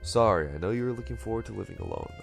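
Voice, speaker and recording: A man voicing a middle-aged father on the phone, halting and hesitant. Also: on the low side, sing-song, creaky, soft background music, exaggerated voice. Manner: hesitant, trailing off.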